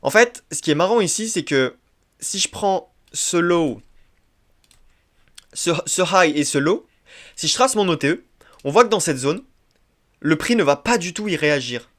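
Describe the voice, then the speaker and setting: A man's voice: fairly high pitch, expressive, normal speed, pauses often, a bit bright. A man teaching trading over a screen-share tutorial, who talks emphatically, repeats key points and keeps asking "ok?". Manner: repetitive, emphatic, many verbal tics like "ok?" and "hop". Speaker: trading instructor.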